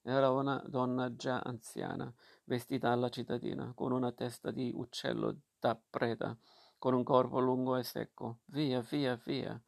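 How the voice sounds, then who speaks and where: Gravelly, flat-voiced male narrator. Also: medium pitch. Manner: steady, measured reading with occasional slips. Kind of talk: audiobook reading of a novel.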